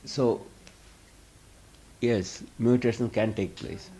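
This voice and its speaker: Poor audio carries a slow, steady, dark mid-range male voice. He's a spiritual teacher taking questions from a live audience in an informal lecture, wandering in his answers, often restarting sentences, and chuckling as he talks.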